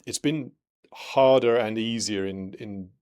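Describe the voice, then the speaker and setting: A middle-aged man, hosting a casual podcast chat in a thoughtful, measured way that trails off softly at the ends of phrases. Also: fairly low pitch, clear, resonant tone. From United Kingdom. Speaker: podcast host.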